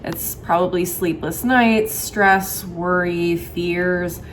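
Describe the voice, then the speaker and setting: A woman's voice: fairly low pitch, fairly even intonation, takes it slowly, slight background noise, low-quality recording. A young woman hosting a casual tarot reading, talking conversationally and thinking aloud as she goes. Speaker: tarot reader and host.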